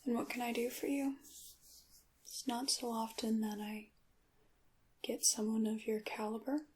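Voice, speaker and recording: A woman lightly acts the role of a centuries-old witch shopkeeper for an ASMR roleplay, her slightly high voice fairly even and a little slow, with slight background noise. Soft and breathy, she frequently whispers, using courteous old-world phrasing in a coy, wry way that feels guarded.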